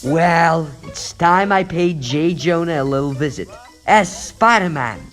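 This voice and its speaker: The youthful, unhurried hero of a Saturday cartoon, airing his troubles and quips from a rooftop in a high voice, played by a man. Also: fairly bright tone, soft background music. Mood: brooding, determined. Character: young male superhero, self-pitying, wisecracking, easily flustered. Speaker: voice actor in a comic dub. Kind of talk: animated superhero cartoon-style dub.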